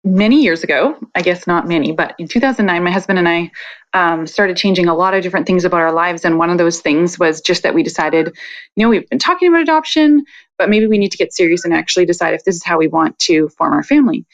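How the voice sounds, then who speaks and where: A woman's voice: fairly low pitch, quick pace, no room sound, dull audio. A woman guest in a podcast interview, talking reflectively with frequent fillers. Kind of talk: casual interview talk.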